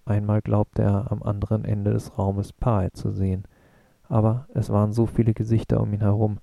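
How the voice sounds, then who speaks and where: A man narrating an audiobook in a measured, steady reading. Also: lowish voice, creaky, dry recording. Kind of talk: scripted narration.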